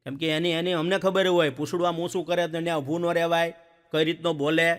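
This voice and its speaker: A man's voice: fairly high pitch, quick pace. A man telling folk jokes on stage, acting out villagers and animals. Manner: lively joke-telling, acts out villagers and animals. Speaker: stand-up comedian. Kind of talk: folk comedy storytelling. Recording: long hall reverb.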